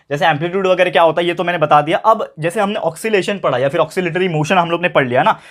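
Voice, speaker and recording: High-voiced male tutor repeating key terms. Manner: repeats key terms slowly and asks rhetorical questions; mixes English phrases into Hindi. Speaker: science tutor. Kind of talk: online video lesson.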